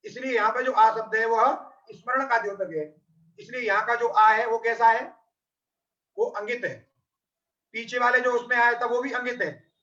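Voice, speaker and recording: A man's voice: extremely high pitch, steady tone, normal speed, long pauses, bright, forceful tone. A man teaching Sanskrit grammar in a patient, repetitive way. He often asks his students whether they have understood. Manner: repeats phrases, often asks "got it or not?". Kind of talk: explanatory lesson. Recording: dull, distant lo-fi recording.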